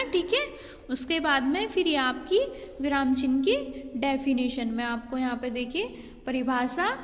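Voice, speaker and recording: Woman, schoolteacher, high voice, patient and repetitive, long reverb. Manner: patient, repeats "ठीक है" and "बेटा" to pupils. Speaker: school teacher. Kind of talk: online Hindi class lesson.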